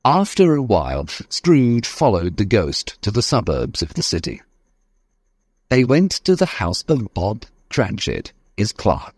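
A male storyteller reading a graded-reader story. His lowish voice rises and falls expressively as he reads clearly. The recording is close and dry. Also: wildly swooping pitch, unhurried, darkish tone, no room sound. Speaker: narrator.

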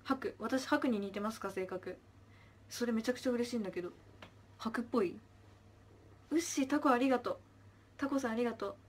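A young woman with a slightly high voice chats casually on a livestream and reads out viewer comments. She chirps her thanks brightly, then lets her phrases trail off into soft, quiet murmurs. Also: fairly quick, long pauses. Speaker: idol livestreamer.

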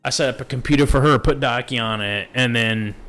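A man's voice: medium pitch, a little fast, a bit bright, soft background music. A man hosting a casual tech live stream, rambling and joking as he goes off on tangents. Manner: laid-back, jokey, self-interrupting. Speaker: show host.

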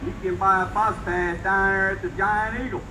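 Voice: mid-range voice, steady tone, moderate pace. A robot guide, reading out scripted glossary entries and example sentences. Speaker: talking museum robot guide. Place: indoor exhibit, recorded from a robot's speaker. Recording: roomy, distant, noisy phone capture of exhibit speaker.

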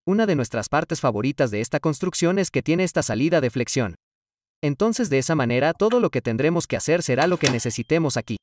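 A man's voice: fairly high pitch, sing-song, a little fast, a little mellow, dry recording, distant mic. A young man giving an upbeat, casual tour of the converted shuttle bus he lives in.

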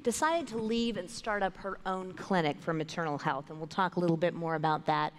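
A woman in her thirties moderating a conference panel, introducing the guests in a measured way with many fillers. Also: lowish voice. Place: large conference stage with long reverb. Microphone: headset mic. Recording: reverberant large hall.

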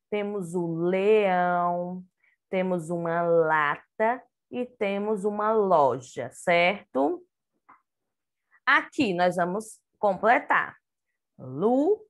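A female kindergarten teacher with a Brazilian Portuguese accent leads an online phonics lesson. She talks very slowly, sounding out each syllable and letter for small children. Her voice sits at a medium pitch. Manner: slow, syllable-by-syllable spelling for young children.

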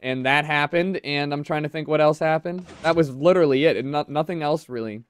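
A man's voice: a little high, a little fast, clean tone. A man streaming a game, chatting casually with friends and making teasing jokes. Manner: joking, teasing. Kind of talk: casual gaming chat.

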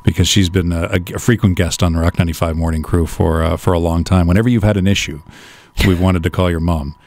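A man hosting a radio show in casual on-air chat, halting and often repeating his phrases. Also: low voice, fairly even intonation, a little mellow. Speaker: radio morning show host.

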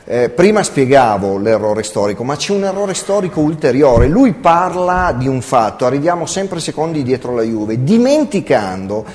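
A man's voice: mid-range voice, sing-song, moderate pace, hardly any pauses, a little mellow, in a large hall. A man making insistent, cutting rebuttals as a pundit in a sports debate. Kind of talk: heated studio sports debate.

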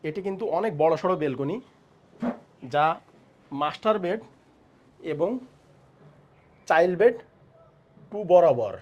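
A man giving a walkthrough tour of a flat for sale, talking straight to viewers and pointing out each room's features. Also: a little high, a little slow, pauses often, lo-fi sound, slight background noise. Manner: speaks softly in the child's bedroom so a sleeping baby isn't woken. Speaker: real estate agent giving a flat tour. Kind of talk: walkthrough property tour narration. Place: inside an apartment, moving room to room.

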